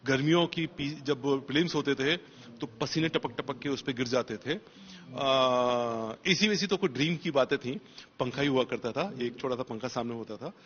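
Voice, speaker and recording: A man's voice: medium pitch, normal speed, fairly bright tone, lo-fi sound, a little hiss or hum. A man, a police officer, answering interview questions in an emphatic motivational way and repeating key phrases for stress.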